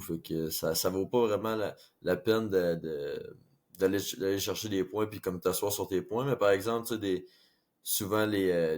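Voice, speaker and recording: Deep-voiced Québécois male captain, eager and explanatory. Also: a little mellow. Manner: eager, explanatory with repeated fillers. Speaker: team captain. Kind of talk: casual interview.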